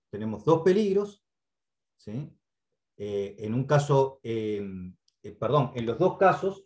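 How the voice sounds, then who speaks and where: A man's voice: medium pitch, a little mellow. A man with a Uruguayan Spanish accent teaches over a computer mic on a video call. He explains steadily and patiently, repeats his main points, and keeps checking that the class follows along. His speech is dotted with hesitant "eh" fillers and small restarts. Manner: checks in with frequent "¿sí?". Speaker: instructor. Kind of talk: online training lecture.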